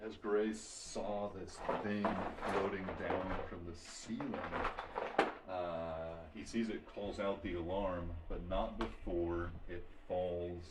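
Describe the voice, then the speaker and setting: Casting: low-voiced male game master, loose and rambling, noisy mic. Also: slow. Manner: relaxed, rambling, many fillers. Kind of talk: narrating a tabletop game.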